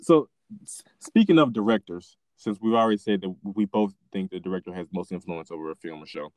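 A man with a fairly low voice hosts a relaxed discussion about film. His delivery is halting, and he often starts a sentence over before finishing it. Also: dry recording. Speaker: host asking questions.

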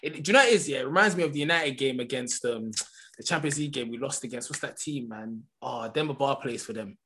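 A man's voice: medium pitch, fast talker, fairly bright tone, a little hiss or hum. A young adult man with a London roadman accent, chatting casually about football as a podcast co-host in slangy street talk. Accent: London, urban slang-heavy.

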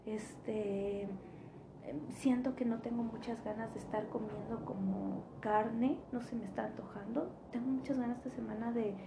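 A young Mexican woman telling a personal story in casual podcast talk, chatty and sometimes dropping to a soft near-whisper, sounding tired. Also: a little high, fairly even intonation, unhurried, gravelly, background noise. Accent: Mexican Spanish. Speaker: podcast host. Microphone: voice message recording. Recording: echoey room with faint ambience.

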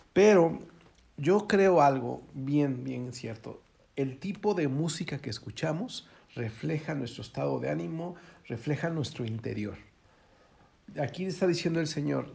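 Gravelly-voiced man preaching casually. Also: a little high, darkish tone. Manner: folksy, joking, acts out quoted voices. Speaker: pastor.

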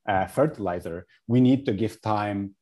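A man from Egypt, a guest in a podcast interview, speaking in a halting way with many fillers and restarts. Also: lowish voice, mellow. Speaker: guest, regenerative agriculture advocate.

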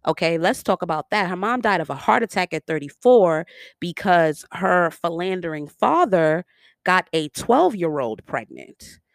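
A New York-accented vlogger talking through a review in a loose, chatty way. The delivery is animated and sassy, full of slangy asides to the audience. The sound is dry and close, with no room around it. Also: mid-range voice, measured pace, vocal fry, no echo. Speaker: vlogger reviewing a biopic series. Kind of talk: casual opinion commentary.

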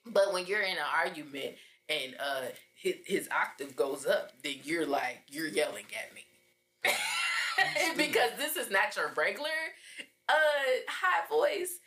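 A woman's voice: deep voice, lively intonation, a little slow, pushed and bright. A woman co-hosting a podcast, explaining earnestly in casual chat. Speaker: podcast co-host.

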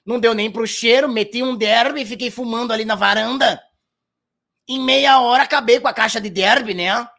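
A man voicing a raspy old chain-smoking woman from southern Brazil with a gaúcho accent, rambling and tagging phrases with "né?". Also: very high voice, a little fast, sharp tone, full character voice. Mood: boastful. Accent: Rio Grande do Sul. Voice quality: gravelly, strained throat. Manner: rambling, tags every phrase with "né?".

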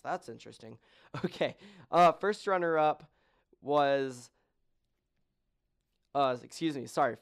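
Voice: medium pitch, clear, resonant tone. A podcast host in casual chat, joking and running through long lists of results with many ums.

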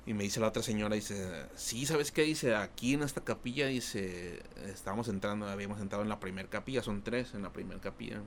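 A man's voice: on the low side, brisk, hardly any pauses, slight background noise. A man with a Mexican Spanish accent telling an anecdote in a casual podcast chat, rambling with many fillers. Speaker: podcast co-host.

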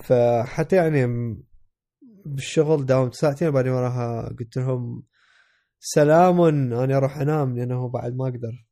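Iraqi male co-host, sick and stuffed-up, mellow creaky voice, halting casual chat. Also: mid-range voice. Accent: Iraqi Arabic. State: sick with a cold, congested, voice affected. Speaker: podcast co-host.

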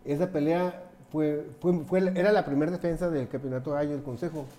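A man from Mexico, a retired boxer, recalling fights in a reflective, halting way during a casual interview. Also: a little high, fairly even intonation, dark tone.

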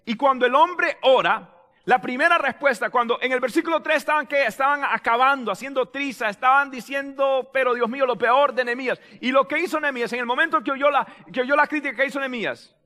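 A man preaching a sermon as pastor, animated and dramatic, acting out prayers and raising his voice to a shout. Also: extremely high pitch, fast talker, in a large hall.

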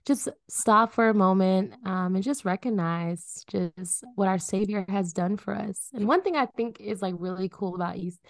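A woman in her late twenties talks in a relaxed, reflective way on a faith podcast, filling her pauses with "like" and "um". Her mid-pitched voice is recorded close and dry. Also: dry recording. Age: 20s. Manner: relaxed, reflective, full of fillers. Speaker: podcast co-host. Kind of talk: casual chat.

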